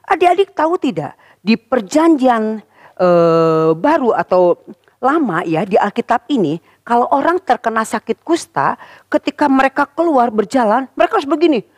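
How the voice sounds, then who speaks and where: A woman teaching Sunday school, telling a Bible story to children in a lively, expressive way and speaking straight to the kids. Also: fairly high pitch, moderate pace, dry recording, studio quality. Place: church.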